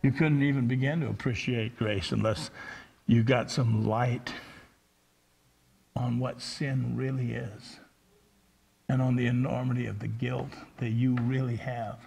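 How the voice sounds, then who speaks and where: A pastor preaching a sermon, emphatic, swinging between loud scripture quotations and quiet asides. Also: male voice, mid-range voice, fairly even intonation, unhurried, vocal fry, pauses often, slightly rough.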